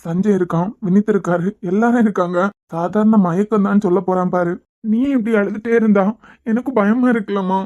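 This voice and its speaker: A woman's voice: medium pitch, steady tone, brisk, lo-fi sound, lightly acted. A woman voicing a protective, hot-tempered young father in a cartoon series, with a Kanyakumari Tamil accent. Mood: anxious. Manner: forceful, reassuring to family.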